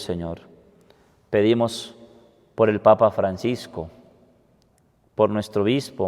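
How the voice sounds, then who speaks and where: A man, a priest, giving a measured homily and leading prayers at Mass, his voice carrying a long church hall reverb. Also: on the low side, a little mellow. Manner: slow, measured preaching with emphatic rises. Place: large church.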